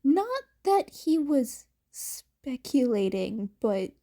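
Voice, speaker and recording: A woman reads fan fiction aloud from a script in audiobook style. Her voice is high and dark-toned, with a sing-song lilt and drawn-out words.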